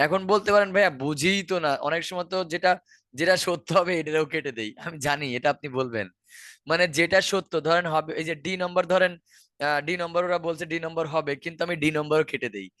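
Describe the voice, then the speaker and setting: A man's voice: on the high side, quick pace, a bit bright, smooth, no echo. A man with a Bangladeshi accent teaching an online exam-prep class, explaining answers step by step and repeating key words. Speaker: IELTS teacher.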